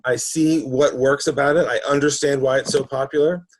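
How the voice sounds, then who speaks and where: A man's voice: mid-range voice, steady tone, moderate pace, very noisy. A man chatting on a podcast, candid and dry as he explains why a classic comedy leaves him cold. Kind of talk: casual film discussion.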